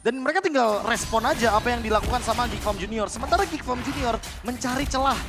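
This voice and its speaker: A man's voice: very high-pitched, fast. An Indonesian man giving analytical esports commentary as a co-caster. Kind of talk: fast analytical game commentary. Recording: loud music under the voice. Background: loud music.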